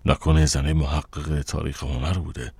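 A man reading an audiobook, voicing a curious male barman with a low, teasing, impatient tone. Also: level tone, vocal fry, darkish tone, husky, no room sound, clean studio sound, exaggerated voice. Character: curious male barman, nosy and eager listener.

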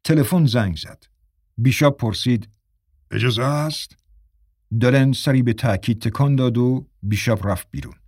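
A man narrating a story in a measured, even way for an audiobook. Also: medium pitch, slightly rough, dry recording, clean studio sound.

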